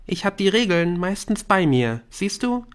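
A man's voice: high voice, sing-song, a little slow, clean tone, pitched above the performer's own voice. Bryn, a man putting on a clingy teenage girl. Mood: conspiratorial.

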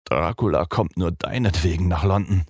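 Broken young man, quiet and muttering, from a male narrator. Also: low voice, normal speed, husky, dry recording, studio quality. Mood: shaken. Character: shaken young man after a terrible escape.

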